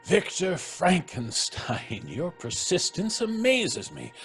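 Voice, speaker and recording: Genial, slow-talking, theatrical old-radio professor. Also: male voice, high voice, huge pitch swings, fairly bright tone, full character voice. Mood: amused. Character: genial, teasing male professor, amused and avuncular. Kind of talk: old-time radio drama acting. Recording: music under the voice.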